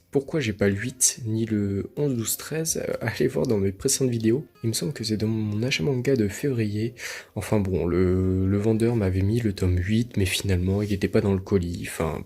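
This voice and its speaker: A man hosting his own video, chatting casually and showing off his collection, relaxed and full of hesitations and fillers. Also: on the low side, normal speed, slightly rough, faint music behind. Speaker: manga collection video host.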